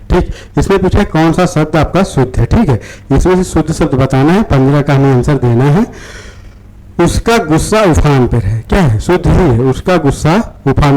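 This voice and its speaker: Guy with a slightly high voice going through exam questions, repeats stuff a lot, keeps saying theek hai. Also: darkish tone, rough recording. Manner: repeats words, frequent "theek hai" checks. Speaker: exam-prep teacher. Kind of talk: explaining practice questions.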